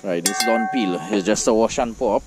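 Over a noisy background, a man from Trinidad and Tobago speaks in a lowish voice at normal speed. He's casually narrating his nighttime outdoor cookout vlog for the camera, relaxed, talkative and frequently laughing.

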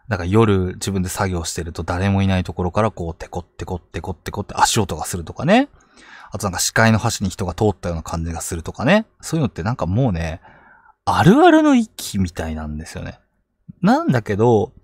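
A man narrating ghost stories on a live stream, dramatic, with hushed lows and sudden outbursts. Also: no room sound, studio quality. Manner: dramatic telling, hushed low asides rising to sudden outbursts. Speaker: ghost story teller.

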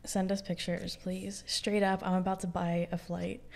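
A young woman co-hosting a podcast, chatting casually about history with frequent laughs and quick asides. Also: on the low side, little pitch movement, vocal fry, a little mellow. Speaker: podcast co-host.

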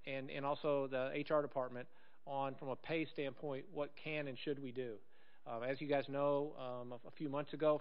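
A man presenting an item to a city council in a conversational, halting way, with many fillers and restarts. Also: mid-range voice, highs cut off. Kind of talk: council meeting remarks. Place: council chamber.

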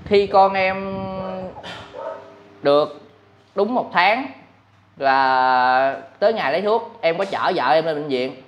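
A man's voice: a little high, animated, slow, long pauses, lo-fi sound, a little hiss or hum. A young man with a Southern Vietnamese accent, earnestly telling his own story as a husband, retelling conversations with many fillers. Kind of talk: emotional first-person account.

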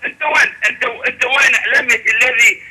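A man's voice: very high voice, fairly even intonation, fast, very noisy. A man from Iran calls in to a talk show over an unclear phone line. He is emphatic and often repeats his words. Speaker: phone-in caller.

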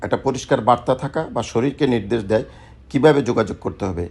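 A man with a slightly husky voice leads a voice-training lesson. He explains articulation step by step, then demonstrates with repeated syllables and lip trills. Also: medium pitch, animated, quick pace, darkish tone. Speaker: voice coach. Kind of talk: instructional voice lesson.

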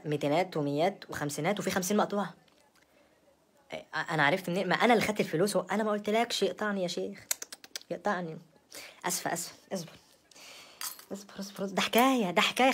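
A woman's voice: lowish voice, husky. A young woman with an Egyptian accent playing a brazen, spoiled young wife in a comedy sketch, rambling and stammering in a sassy way. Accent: Egyptian Arabic.

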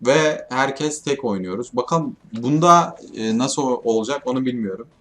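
A man's voice: medium pitch, lively intonation, normal speed. Swearing young man commenting on his gameplay. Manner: swears often, yells at teammates, frustrated outbursts. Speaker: gaming YouTuber.

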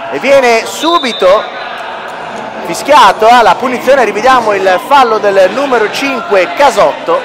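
A man giving excitable futsal play-by-play commentary, breaking into shouted goal calls as a match commentator. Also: sits high. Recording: music and crowd noise behind. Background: music, sports hall crowd.

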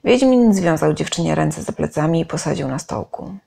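A woman narrating a fantasy fan story aloud with expressive storytelling. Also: low voice, moderate pace, gravelly, husky. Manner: expressive storytelling, acting out the characters.

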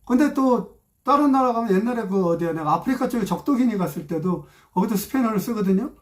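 A man's voice: high-pitched, animated, fast talker. A man from South Korea, hosting his channel in a casual, rambling talk, often repeating himself and trailing off. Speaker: channel host.

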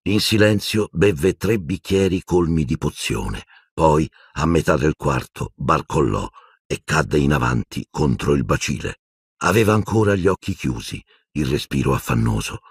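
A man narrating an audiobook with dramatic, expressive storytelling into a close microphone. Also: rumbling low, measured pace, breathy edge, no echo.

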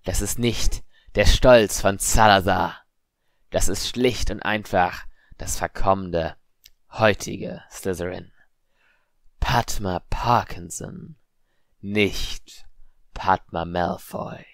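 A man doing a slow, hissing unseen voice. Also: low-pitched, no echo, heavily acted. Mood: menacing. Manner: slow, hissing, quietly threatening. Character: eerie unseen whispering voice, cold and menacing.

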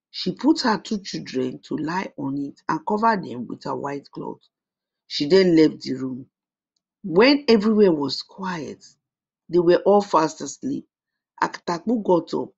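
A storyteller reading a folk tale aloud in a steady, measured way on a dull lo-fi recording. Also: mid-range voice, vocal fry, breathy edge. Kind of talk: storybook narration.

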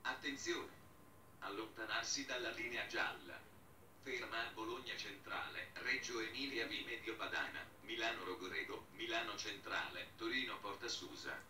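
A man making a flat, formal railway station announcement in measured, segmented phrases. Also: lowish voice. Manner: measured formal delivery with names read in separate segments. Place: public address in a railway station, station ambience behind. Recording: bright roomy distant PA with background noise.

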